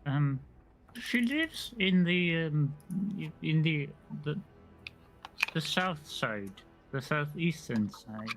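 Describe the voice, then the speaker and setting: A man acting as game master in a tabletop role-playing game, speaking hesitantly with many pauses and restarts while voicing a shopkeeper. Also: fairly high pitch, animated, fairly bright tone, soft background music, low-quality recording. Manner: hesitant, lots of ums and restarts.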